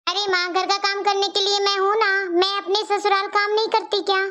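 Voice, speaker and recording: A woman's voice: very high-pitched, flat delivery, fairly quick, bright, forceful tone. A woman voicing a cheerful young woman visiting her parents in a cartoon story, breezy and reassuring. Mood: persuasive. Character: cheerful young sister-in-law visiting home. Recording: dull lo-fi audio.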